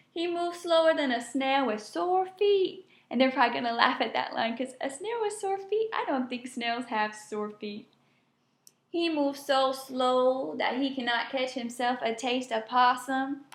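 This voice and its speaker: A woman teacher reading a picture book aloud with animated storytelling and asides. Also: high voice, reverberant.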